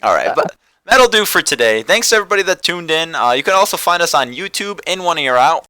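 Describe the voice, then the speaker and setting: A man's voice: a little high, big pitch swings, fast, bright, forceful tone, no echo. A man hosting a casual podcast, rambling loosely through his thoughts and turning upbeat when he plugs the show. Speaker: podcast host. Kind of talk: casual chat.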